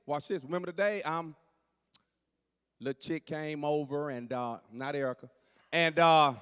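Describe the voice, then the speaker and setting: A man in his late forties doing animated stand-up storytelling on stage, dropping to low asides and jumping up for punchlines. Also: moderate pace, smooth. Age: 40s. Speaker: stand-up comedian. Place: church hall on stage. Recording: long hall reverb.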